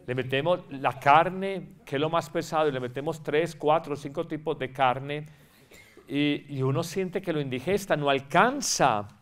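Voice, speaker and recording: A man, a priest, giving an emphatic spiritual retreat talk, repeating phrases and acting out quoted voices. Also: on the high side.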